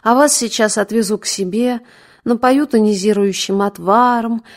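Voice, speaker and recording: A woman's voice: fairly high pitch, moderate pace, close to an everyday voice. A woman voicing a brusque middle-aged male doctor who scolds sternly and fusses over a patient in a fatherly way. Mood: soothing. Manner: stern then fussing, fatherly.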